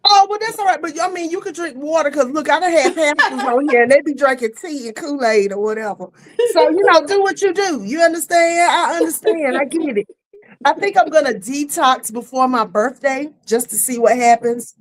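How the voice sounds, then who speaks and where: A middle-aged woman hosting a casual online talk show, lively and laughing, with easy "y'all" talk. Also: high voice, normal speed. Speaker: host. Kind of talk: casual chat. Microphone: streaming setup.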